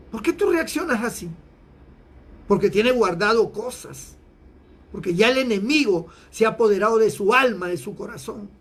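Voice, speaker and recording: A male pastor from Peru delivering an emphatic sermon, his pitch rising suddenly for emphasis.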